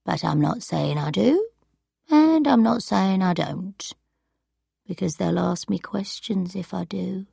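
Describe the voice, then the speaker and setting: A woman reading an audiobook, voicing a confused, forgetful grandmother of eighty in a high, shaky voice. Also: lively intonation, slow pace, creaky, warm tone, husky, dry recording, studio quality, full character voice. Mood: evasive. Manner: vague, wandering.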